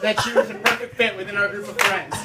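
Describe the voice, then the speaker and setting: A man's voice: sits high, fairly even intonation, fast. A young man giving a playful best man's wedding toast, switching between speech and comic sung verses. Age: young adult. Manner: playful, performing to the guests. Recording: distant mic, loud music behind.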